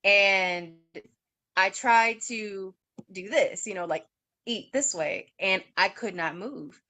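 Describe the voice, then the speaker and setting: A young woman in her twenties telling her story in an interview, halting, with fillers and restarts, and acting out what others said in a raised voice. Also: mid-range voice, bright, forceful tone, no room sound. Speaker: guest sharing her story.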